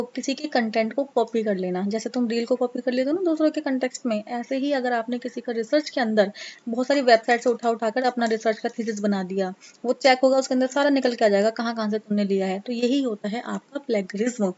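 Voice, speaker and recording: Casual exam-prep teacher, a woman, teasing and coaxing, higher voice, muffled audio. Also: darkish tone. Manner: chatty, coaxing, teasing students; mixes English terms into Hindi. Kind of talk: casual Hindi lecture. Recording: dull lo-fi sound.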